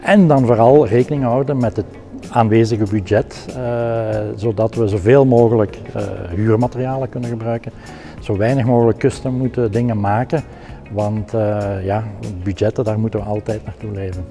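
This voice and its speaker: A man's voice: on the low side, steady tone, moderate pace, dark tone, soft background music. A middle-aged man with a Flemish accent, a technical production director explaining his work in a practical, hesitant way with many fillers.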